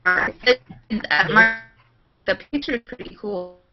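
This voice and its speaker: A woman's voice: medium pitch, expressive, unhurried. Woman on a glitchy, breaking-up call. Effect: choppy, breaking-up internet call audio. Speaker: call-in participant. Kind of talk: casual chat. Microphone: video call. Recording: dull lo-fi call line, faint music.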